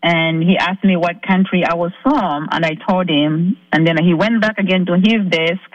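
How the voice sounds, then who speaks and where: Caller from Zambia, a woman telling her ordeal in earnest halting bursts, dull dry line. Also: fairly low pitch, steady tone, no room sound. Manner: earnest, halting, many restarts. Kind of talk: recounting a personal ordeal on a call-in show.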